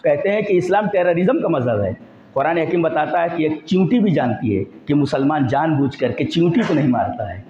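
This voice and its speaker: A man giving a Friday sermon in a mosque, emphatic and animated, sometimes acting out voices in quotes. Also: on the high side, normal speed, echoey room, dull audio, a little hiss or hum. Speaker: preacher.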